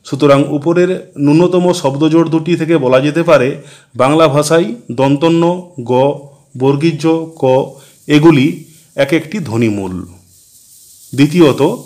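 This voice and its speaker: A man narrating a scripted grammar lesson, explaining points one by one in a slow, measured way. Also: on the high side, darkish tone. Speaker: teacher.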